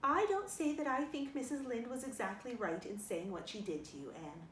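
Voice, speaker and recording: A woman reading a storybook, voicing a stern but fair middle-aged guardian with a firm, measured, scolding manner. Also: fairly high pitch, close to an everyday voice. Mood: firm, softer. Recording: roomy sound with faint noise.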